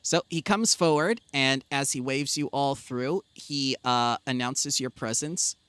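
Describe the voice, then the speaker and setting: A man narrating as game master in a tabletop game, animated and full of hesitant fillers. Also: mid-range voice, measured pace, clean tone, no room sound.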